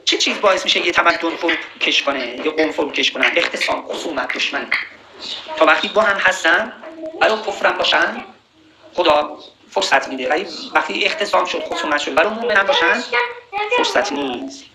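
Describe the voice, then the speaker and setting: A man's voice: a little high, lively intonation, a loud crowd. Man preaching in an echoey room. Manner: recites Arabic verses slowly, then explains conversationally. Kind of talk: Quran commentary sermon.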